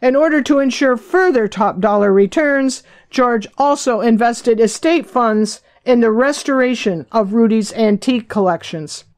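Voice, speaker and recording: A woman with a somewhat high voice reads her own biography aloud. Her delivery is measured and even, steady audiobook storytelling. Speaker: author reading her own book. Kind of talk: audiobook narration.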